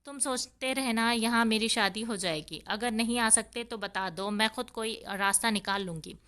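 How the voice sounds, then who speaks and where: A woman's voice: fairly high pitch, fairly bright tone, smooth, natural voice. A woman voicing a desperate young woman who pleads tearfully to escape a forced marriage. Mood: angry.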